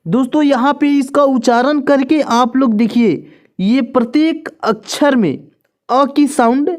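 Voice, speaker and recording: A woman's voice: high voice, unhurried, darkish tone. A woman teaching a beginner reading lesson, patiently naming each letter and repeating it for her viewers.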